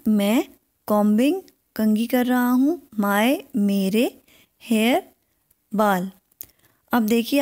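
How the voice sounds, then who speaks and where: A woman with an Urdu accent teaching English in a slow, patient language lesson, repeating each word and then giving its translation. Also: a little high, darkish tone.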